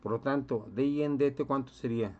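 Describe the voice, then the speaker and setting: A man's voice: medium pitch, brisk, darkish tone. Man teaching physics, dull lo-fi sound. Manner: checks in with "¿sí?", quizzes students. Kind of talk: classroom lecture. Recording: dull lo-fi recording.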